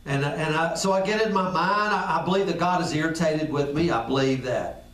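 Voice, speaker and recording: A man's voice: a little high, brisk, fairly bright tone. A man preaching a sermon in a folksy, conversational way. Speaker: pastor. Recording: echoey room, picked up from a distance.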